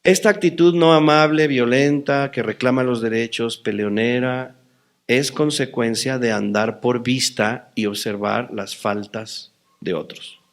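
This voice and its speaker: A middle-aged man preaching a sermon to a congregation, passionate, swinging between loud emphatic lines and soft, near-murmured ones. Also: medium pitch, steady tone, a little slow. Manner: acts out quoted voices within the preaching. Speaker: pastor. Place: church hall before a congregation.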